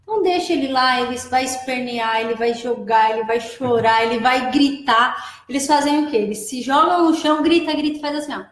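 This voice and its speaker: A woman's voice: sits high, brisk, hardly any pauses, fairly bright tone. A woman guest speaker in a live advice chat, explaining in a patient way and repeating her key phrases. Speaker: guest, preschool operations director. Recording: echoey room.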